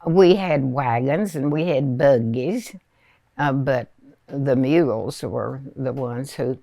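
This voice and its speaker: A very old woman in her nineties with a Southern US accent, reminiscing in a hesitant, unhurried storytelling way with many pauses. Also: extremely low pitch, creaky, warm tone, dry recording, studio quality. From rural Arkansas, United States. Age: 90s, very old. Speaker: elderly interviewee recalling childhood. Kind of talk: reminiscing oral history.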